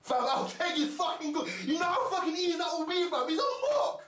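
An actor playing an angry young street hustler, heated and swearing on the phone. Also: male voice, very high voice, brisk, fairly bright tone, reverberant. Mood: furious. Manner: heated, swearing, slang-heavy.

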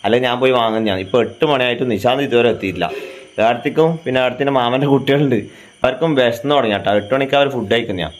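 Quick chatty guy vlogging at home, teasing and talking to viewers. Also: medium pitch, slight background noise. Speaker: family vlogger. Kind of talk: casual vlog chat. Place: at home indoors.

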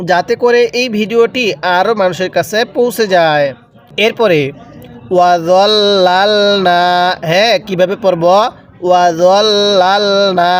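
A man leads a step-by-step recitation lesson. His voice sits high for a man. He chants each word slowly and stretches it out, then explains the rules in a plain teaching tone. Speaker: Quran reading teacher.

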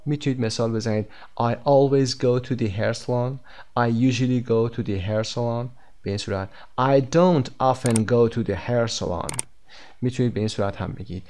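A man teaching an English textbook lesson, reading the English examples slowly and clearly and then explaining them quickly. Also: mid-range voice, darkish tone.

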